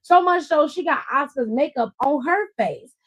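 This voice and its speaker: Woman host with a high voice, blunt and sassy, swearing and laughing through a casual recap. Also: lively intonation, normal speed. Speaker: host of a wrestling after-show. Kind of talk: casual livestream recap chat.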